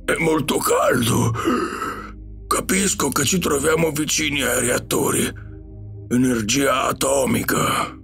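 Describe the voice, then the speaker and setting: A man voicing a calm, wise pig-like alien beast in an audiobook, speaking in a measured, reflective way. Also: mid-range voice, vocal fry, heavily acted. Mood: reasoning. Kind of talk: audiobook character reading. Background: faint music.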